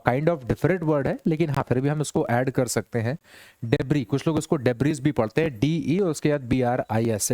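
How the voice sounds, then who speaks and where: Male teacher, chatty and teasing, fond of rhetorical questions, pitched slightly high. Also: darkish tone, no room sound, studio quality. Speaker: English teacher. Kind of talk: classroom exam-prep lecture. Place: classroom with students.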